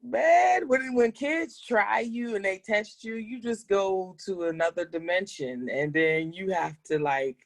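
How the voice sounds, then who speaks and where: A woman and single mother talking in casual chat, telling animated stories with laughs. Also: mid-range voice, a little slow, gravelly, hardly any pauses.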